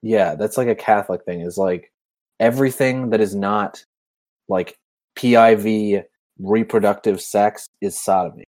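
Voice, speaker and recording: A man's voice: fairly low pitch, fairly even intonation, a little slow, darkish tone. A man co-hosting a podcast, rambling casually through his points. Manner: rambling, many fillers and restarts. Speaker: podcast co-host.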